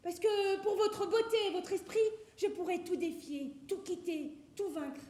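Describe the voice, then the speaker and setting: A woman playing Edmond, a flustered married male playwright, on stage with halting, declamatory delivery. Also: very high voice, warm tone. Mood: impassioned. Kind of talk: theatrical stage acting. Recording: very echoey stage recording.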